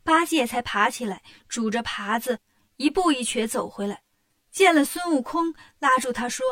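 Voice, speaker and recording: A woman storyteller narrates a children's tale with lively expression. Her voice sits high and the recording is dry and close. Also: normal speed, dry recording.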